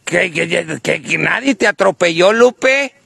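A man with a Mexican accent doing comedic sketch banter, teasing and scolding, often shouting. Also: sits high, lively intonation, measured pace, creaky, a little hiss or hum. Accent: Mexican Spanish. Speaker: comedy vlogger.

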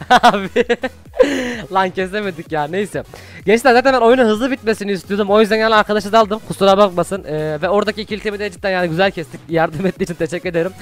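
Fast-talking, high-voiced young man. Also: faint music behind. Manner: excitable, shouts during fights, chatty asides to viewers. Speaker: gaming YouTuber. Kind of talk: Minecraft gameplay commentary.

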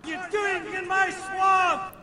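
A man's voice: very high voice, flat delivery, slow pace, pushed and bright, a little hiss or hum, exaggerated voice. A man voicing a grumpy male ogre guarding his swamp, heard as short game sound clips. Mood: bellowing. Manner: gruff, bellowing at intruders.

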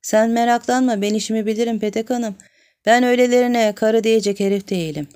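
A woman's voice: a little high, fast, darkish tone, clear, resonant tone, pitched above the performer's own voice, lightly acted. A woman voicing a sly, lecherous middle-aged village man who coaxes and then threatens. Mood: evasive.

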